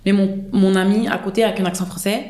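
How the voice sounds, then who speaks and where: A woman's voice: mid-range voice, echoey room. A woman in her twenties with a Quebec French accent, chatting casually as a podcast guest and switching between accents as she talks. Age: 20s. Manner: quick, animated, slips into other accents. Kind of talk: casual chat.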